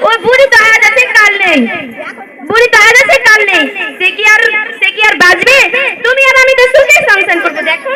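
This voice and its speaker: A woman's voice: very high voice, fairly quick. A woman playing a weak-willed grown son caught between his mother and his wife, anxious and placating. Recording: loud crowd noise behind.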